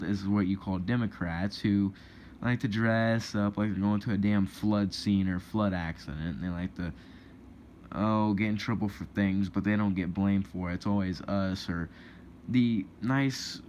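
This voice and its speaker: A man's voice: on the low side, a little mellow. A young man ranting indignantly to camera in a rambling vlog, with many restarts. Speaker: vlogger. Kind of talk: casual opinion rant to camera. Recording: dull lo-fi with faint noise.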